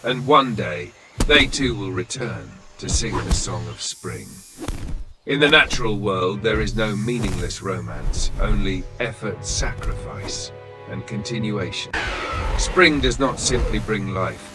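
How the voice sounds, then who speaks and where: A man reading scripted nature documentary narration in a solemn, dramatic manner, with short measured phrases and weighted pauses. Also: lowish voice, over music. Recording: loud nature ambience of birds and insects.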